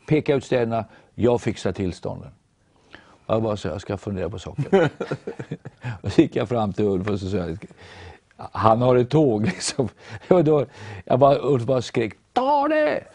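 Gravelly Norwegian man telling a story. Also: on the low side, no echo. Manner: animated storytelling, voices others in quotes. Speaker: guest storyteller.

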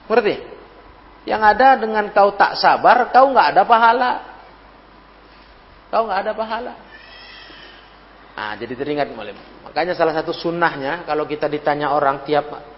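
Male preacher, high and lively voice, dull lo-fi recording with a long hall echo. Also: normal speed, pauses often. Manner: animated, rhetorical questions to listeners; acts out quoted speakers with sudden pitch jumps. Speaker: religious teacher. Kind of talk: sermon.

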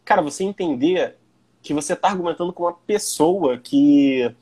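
Husky young Brazilian man, laid-back. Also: on the high side, moderate pace. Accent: Brazilian Portuguese. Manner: relaxed, laid-back, lots of slang fillers. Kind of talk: casual conversation.

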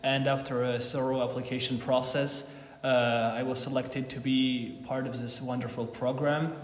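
A man's voice: medium pitch, little pitch movement, normal speed. Earnest young man, roomy sound. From Armenia. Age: 20s. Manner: earnest, formal, explaining at length. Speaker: guest, youth ambassador. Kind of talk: podcast interview. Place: office in Berlin. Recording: roomy, reverberant room.

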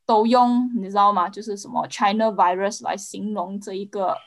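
A woman's voice: mid-range voice, fairly even intonation, moderate pace, creaky. A woman in a casual discussion, searching for words and dropping English into her Mandarin. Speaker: podcast co-host.

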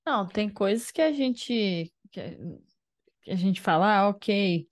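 A woman's voice: medium pitch, lively intonation, a little slow, no echo, studio quality. A woman hosting a casual interview, talking in a supportive, conversational way. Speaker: host, teacher.

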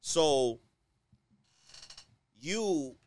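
A man's voice: fairly high pitch, expressive, very slow, a little mellow. A man hosting a casual podcast interview, talking in a colloquial, wordy way and often checking in with little tag words. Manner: colloquial, wordy, peppered with tags like 'right' and 'you know'. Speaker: podcast host.

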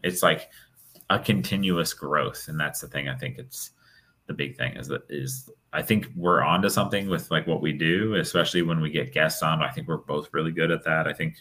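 A young man co-hosting a podcast chats casually and rambles, full of fillers and restarts. His voice rumbles low, bright and forceful, at a moderate pace.

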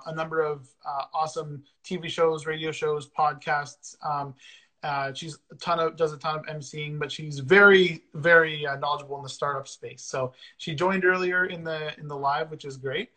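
A man's voice: a little high, sharp tone, poor audio. A man hosting a casual livestream interview over a video call, upbeat and chatty with frequent fillers. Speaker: podcast host.

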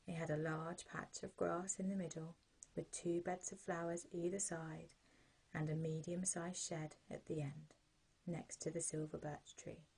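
British woman doing a soothing sleep story, really breathy husky voice, mellow and gentle. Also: low voice, poor audio. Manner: gentle, calming, unhurried guidance. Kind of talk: soothing bedtime story narration for children.

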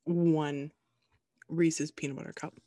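A woman's voice: sits low, little pitch movement, slow pace, warm tone, dry recording. A woman co-hosting a podcast in casual chat, chatty with wry, dry asides. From Florida. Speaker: podcast co-host.

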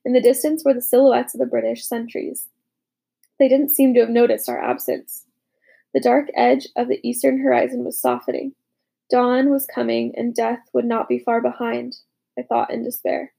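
A woman narrating a war story as a young soldier, with dramatic, hushed, urgent delivery in the dialogue. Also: on the high side, moderate pace, creaky, slightly rough, heavily acted. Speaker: narrator voicing a boy soldier. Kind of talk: audiobook narration.

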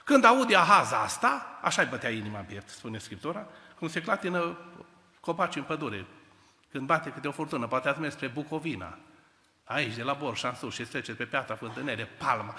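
A man preaching a sermon, telling the story in an animated way and speaking straight to the congregation. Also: medium pitch, long reverb tail. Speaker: pastor. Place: church hall.

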